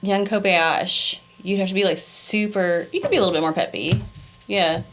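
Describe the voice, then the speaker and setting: A woman's voice: medium pitch, fairly even intonation, normal speed, a bit bright. A woman co-hosting a casual podcast, playful and joking with her guest. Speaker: podcast co-host, voice actor. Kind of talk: casual chat.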